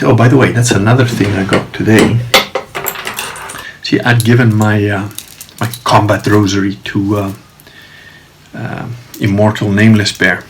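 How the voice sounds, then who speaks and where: Low, gravelly man rambling casually. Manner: conversational, halting, reflective, informal with swearing. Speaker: video diarist. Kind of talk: casual rambling video diary.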